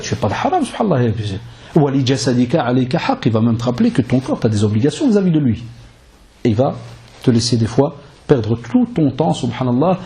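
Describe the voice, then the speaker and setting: A male preacher giving a sermon in a lively, conversational way, full of rhetorical questions and Arabic religious phrases. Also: medium pitch. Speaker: preacher and lecturer.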